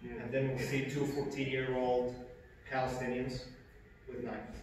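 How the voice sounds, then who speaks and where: A man's voice: medium pitch, monotone, measured pace, a little mellow, slight background noise. A man, giving an earnest personal testimony with emphatic repetitions. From Egypt. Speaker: speaker. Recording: echoey hall from far off.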